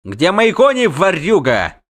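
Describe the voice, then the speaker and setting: A man's voice: on the high side, sing-song, moderate pace, pitched above the performer's own voice. Man doing a fuming halfling merchant, Dainty. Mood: indignant. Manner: shouting, cursing, indignant. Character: hot-tempered male halfling merchant, blustering.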